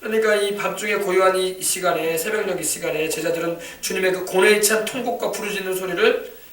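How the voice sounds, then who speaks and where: A high-voiced male pastor preaches with passion and urges his flock with calls for an amen. His voice rings through a large church sanctuary and sounds far from the mic. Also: a little fast, fairly bright tone, a little hiss or hum. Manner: impassioned preaching, calls for amens. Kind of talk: sermon. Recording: echoey church from a distance.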